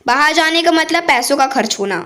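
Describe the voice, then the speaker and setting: A woman's voice: sits high, expressive, brisk, sharp tone. A woman voicing a sneaky young wife in a storybook tale who talks slyly and defensively. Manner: sly, defensive.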